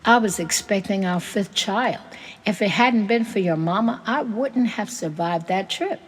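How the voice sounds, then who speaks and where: A woman voicing a grieving older immigrant farm woman, telling old family memories in a gentle, tearful way. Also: mid-range voice, a little slow, breathy edge, big-room sound. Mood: wistful.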